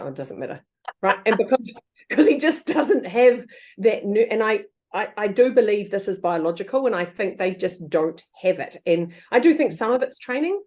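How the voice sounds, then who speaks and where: A guest author in her fifties, with a fairly low voice, chats in a casual interview. She's lively, laughs a lot and acts out the voices in her quotes.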